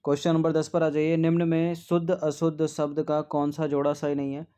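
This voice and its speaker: Man going through Hindi spelling answers, low-key. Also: monotone, warm tone, smooth. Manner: drills spellings slowly, repeats words, frequent "ठीक है". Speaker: Hindi exam tutor. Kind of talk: test-series answer walkthrough.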